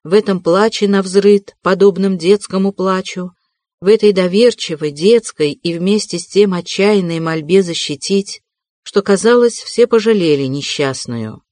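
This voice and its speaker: Женщина читает классический роман ровным повествовательным голосом средней высоты. Запись сухая, студийная, без отзвука. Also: female voice, mid-range voice, a little slow, a little mellow, no echo. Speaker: audiobook narrator. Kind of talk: literary audiobook narration.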